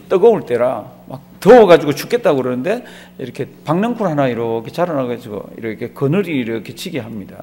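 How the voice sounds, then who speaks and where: Middle-aged man, pastor at a Bible class: animated storyteller, asks the room questions, murmurs at phrase ends. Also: fairly high pitch. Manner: lively storytelling, acts out quotes, questions the audience. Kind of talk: sermon-style Bible lecture.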